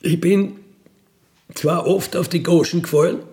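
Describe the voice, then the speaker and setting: An unhurried man with a somewhat high, darkish voice relates his own life story off the cuff. He is fifty-one, speaks with an Austrian accent, has lived as a career criminal, and talks colloquially and plainly, often adding a questioning tag to what he says.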